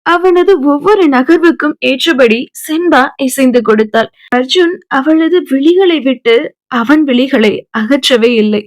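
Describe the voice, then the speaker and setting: A woman narrating a romance audiobook in a calm, even storyteller's manner. Her voice is high and clear. The recording is close and dry with no room sound. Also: measured pace, no echo. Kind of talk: scripted narration.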